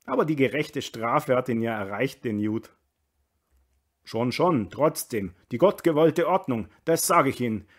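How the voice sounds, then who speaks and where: A man's voice: mid-range voice, expressive, unhurried, voice pushed up. A man voicing a pompous older male townsman, lecturing in a raised voice.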